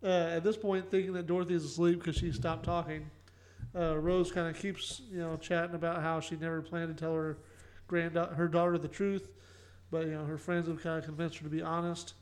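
A man's voice: a little high, flat delivery, brisk. A man casually recapping a sitcom episode for a podcast, filling his summaries with "uh" and "kinda". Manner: summarizes plot with many fillers and "kinda". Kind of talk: casual chat.

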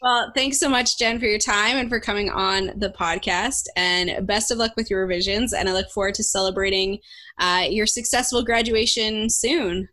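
A woman's voice: medium pitch, fairly even intonation, normal speed, bright, forceful tone. A woman chatting casually as the host of a podcast. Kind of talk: casual chat.

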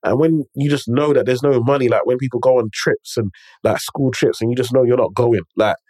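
A man's voice: medium pitch, steady tone, brisk, a little mellow, no room sound. A man with an urban London roadman accent tells stories and gives motivational advice in an emphatic, conversational way, repeating phrases and checking in with the listener. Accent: London, urban multicultural slang.

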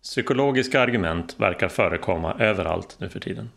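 A man's voice: deep voice, expressive, gravelly, fairly bright tone. A man narrating an audiobook with a dry, wry delivery.

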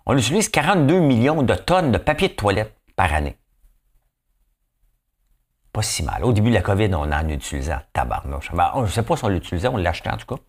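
A man with a Québécois accent talks through his podcast in a relaxed, joking way. His voice sits low but moves around constantly, rising and falling as he banters. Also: fairly quick. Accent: Québécois French. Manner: playful, chatty, keeps asking "hein?". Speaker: podcast host. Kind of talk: casual commentary.

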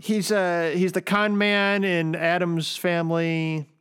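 Opinionated, laughing podcast co-host. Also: male voice, sits high, level tone, slow, a bit bright, smooth. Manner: opinionated, laughs often, searches for names with fillers. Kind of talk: casual film-discussion chat.

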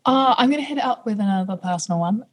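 A woman's voice: medium pitch, animated, quick pace, a little hiss or hum. A young woman talking casually as a podcast guest. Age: young adult.

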